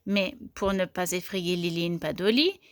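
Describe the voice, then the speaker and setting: A woman reading a children's story aloud in a clear, gentle storytelling manner. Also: fairly low pitch, unhurried, dry recording, studio quality.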